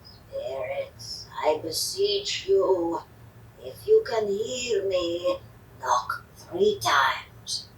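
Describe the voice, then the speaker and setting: A woman's voice: fairly low pitch, very animated, very slow, heavily acted. Madam Zolta, a woman playing a theatrical fortune-teller. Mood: eerie. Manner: dramatic, whispery, commanding. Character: theatrical female fortune-teller medium, grandiose. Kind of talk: Halloween audio drama. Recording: echoey room, distant mic, faint noise.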